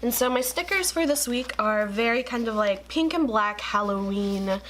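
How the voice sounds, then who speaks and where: A woman in her twenties, just woken up with a raspy morning voice, chatting casually and rambling with many fillers in a planning vlog. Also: fairly high pitch, lively intonation, normal speed, noisy background. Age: 20s. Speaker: planner vlogger.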